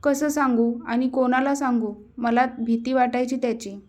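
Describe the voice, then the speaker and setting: A woman's voice: fairly high pitch, fairly even intonation, normal speed, a little mellow, close to an everyday voice. A woman reading a timid young woman. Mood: fearful. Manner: meek and hesitant.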